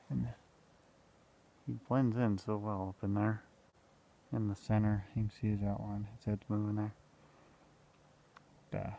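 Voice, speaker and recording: Soft-spoken man filming outdoors in wind. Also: lowish voice. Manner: halting, many uhs, soft-spoken. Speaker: outdoor vlogger. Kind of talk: casual hiking narration. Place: outdoors on a windy mountain ridge. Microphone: handheld camera microphone. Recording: loud wind noise on camera mic.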